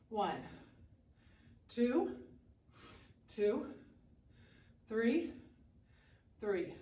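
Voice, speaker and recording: An aerobics instructor with a somewhat high, darkish-toned voice shouts short commands and counts to encourage her class. The recording has a roomy echo, with her standing well away from the mic.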